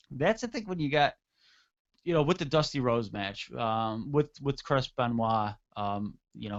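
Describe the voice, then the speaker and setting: A man co-hosting a casual wrestling talk show, animated and rambling, often laughing. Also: medium pitch, highs cut off. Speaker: co-host.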